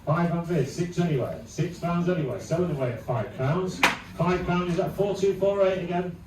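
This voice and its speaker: A man's voice: sits high, moderate pace, very noisy. A British man working as an auctioneer, calling bids in a repetitive, clipped chant of numbers with bantering asides. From United Kingdom. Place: busy auction room. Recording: distant echoey room with loud crowd. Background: loud crowd chatter.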